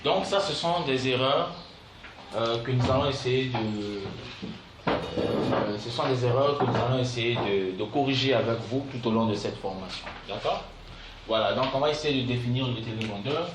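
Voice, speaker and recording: Man teaching in an echoey room. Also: medium pitch. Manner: keeps checking in with "d'accord?" and "vous comprenez?"; repeats key phrases slowly for dictation. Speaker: call center trainer. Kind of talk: classroom training talk. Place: training room. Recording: echoey room with faint background noise.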